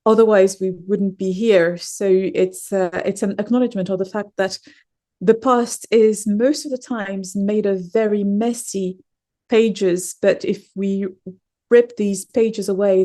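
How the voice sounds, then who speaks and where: A woman's voice: medium pitch, fairly even intonation, unhurried, mellow. A woman from Morocco, a guest author in a podcast interview, speaking thoughtfully and often restarting her sentences.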